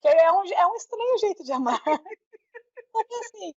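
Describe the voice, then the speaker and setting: High-voiced Brazilian woman chatting casually. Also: very animated, moderate pace, a little mellow, no room sound, highs cut off. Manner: chatty, emphatic, frequent "né" tag questions. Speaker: podcast co-host. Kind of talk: casual conversational chat.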